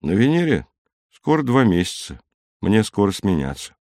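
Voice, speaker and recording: A steady, matter-of-fact young driver, read by a man in an audiobook. His voice sits low and sounds close and dry. He talks plainly, with a touch of apology. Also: normal speed, no echo. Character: young male planetary rover driver, calm and dutiful.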